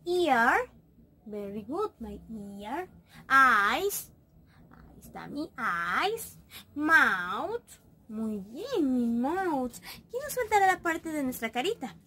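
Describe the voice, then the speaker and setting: A woman teaching a lesson to small children, coaxing them slowly and drawing out each word she repeats. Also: sits high, big pitch swings, bright, forceful tone, slightly rough. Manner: slow, coaxing, drawn-out repetition of words. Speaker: preschool teacher.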